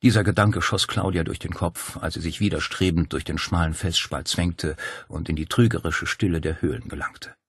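A man reading a thriller audiobook in a steady, measured storytelling voice. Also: low voice, slightly rough, no room sound, clean studio sound. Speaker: audiobook narrator. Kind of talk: scripted narration.

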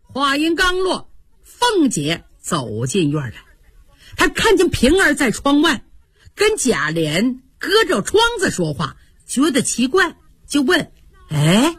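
A woman narrating a classic tale for a radio story broadcast, lively and expressive. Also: high-pitched, slow, no room sound, clean studio sound.

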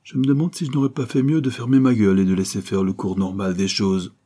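Brief: male audiobook narrator, low husky voice, dark tone, lively character reads. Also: fast. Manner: expressive, voices the dialogue. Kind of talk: first-person crime novel reading.

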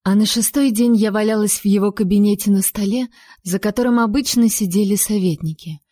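A woman reading a first-person novel aloud, lively and playful in her storytelling. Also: medium pitch, fairly quick, dry recording, studio quality. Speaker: audiobook narrator.

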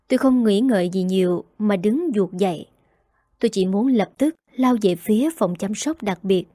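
A woman reading a first-person romance audiobook in a steady, even way. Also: medium pitch, no echo, clean studio sound. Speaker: narrator.

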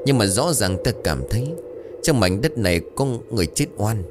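A man's voice: fairly low pitch, lively intonation, normal speed, heavy background noise, natural voice. A man voicing an old male fortune-teller who speaks solemnly in a spoken ghost story. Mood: grave.

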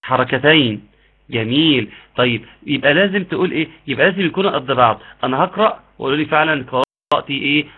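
A man with an Egyptian accent teaching an online tajweed lesson, explaining patiently and modeling slow recitation. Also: on the high side, expressive, slightly rough. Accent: Egyptian Arabic. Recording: tinny phone-like line.

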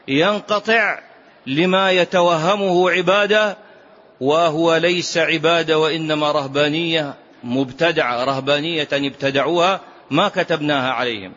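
Higher-voiced man teaching, dull lo-fi recording. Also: fairly bright tone. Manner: repeats key phrases for emphasis; asks rhetorical questions, prompts listeners with "ha?". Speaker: sheikh teaching a classical text. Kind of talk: religious lesson.

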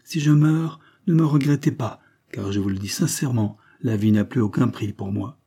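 A man voicing a brave, commanding young gentleman who speaks with scorn and resolve in a storybook reading. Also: mid-range voice, moderate pace, husky, lightly acted. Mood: earnest.

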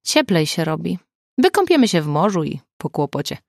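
A woman's voice: low voice, big pitch swings, moderate pace, creaky, no room sound, heavily acted. A woman reading the lines of a blunt, dry-humored woman friend in an audiobook. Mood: wry.

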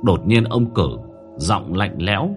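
A man narrating a horror story in a dramatic manner, slowing down at tense moments. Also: fairly low pitch, animated, soft background music.

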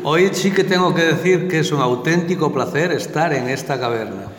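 A man who is a radio columnist, chatting on air in a relaxed, enthusiastic way. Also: on the high side, normal speed. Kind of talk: radio chat. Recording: roomy echo with noise.

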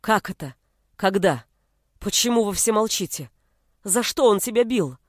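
A woman's voice: medium pitch, lively intonation, a little slow, no room sound, clean studio sound. A woman voicing a young village woman, a fierce, blunt-spoken elder sister protecting her little brother. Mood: alarmed. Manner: blunt, rough-spoken, shouting in anger.

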